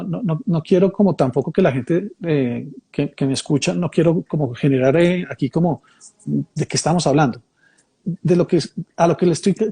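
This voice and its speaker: A man raised in Colombia after being born in Mexico thoughtfully explains ideas while leading a reflective conversation, frequently rewording and repeating phrases. His voice is fairly high, warm, and husky.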